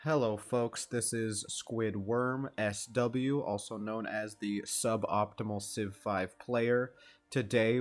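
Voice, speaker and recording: On his own gaming channel, a man with a fairly low voice gives laid-back, self-deprecating commentary as he plays, swearing freely.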